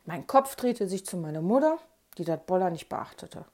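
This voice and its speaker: A woman with a Ruhr German accent telling a childhood memoir in an animated, colloquial way. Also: fairly low pitch, moderate pace. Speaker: narrator. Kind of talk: memoir storytelling.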